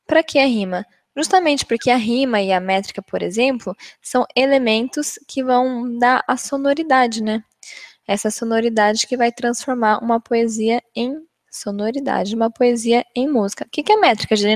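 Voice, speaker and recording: A woman's voice: on the high side, dry recording, studio quality. A woman with a Brazilian Portuguese accent giving a casual literature lesson, often checking in with her listeners. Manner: chatty, keeps checking in with "né?" and "tá bom?". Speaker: literature teacher. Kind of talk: casual classroom-style lesson.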